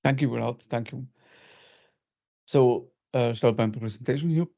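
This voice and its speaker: A German-speaking data solution architect presents in an informal technical webinar held over an online video meeting. His low, gravelly, creaky voice is mellow, and he speaks haltingly, with frequent repetitions and self-corrections. The call audio is muffled and band-limited.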